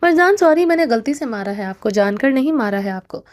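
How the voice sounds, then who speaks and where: A woman's voice: sits high, expressive. A woman playing a fiery young wife. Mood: worried, pleading. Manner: pleading then scolding, teasing. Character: young wife, impulsive, quick-tempered, playful.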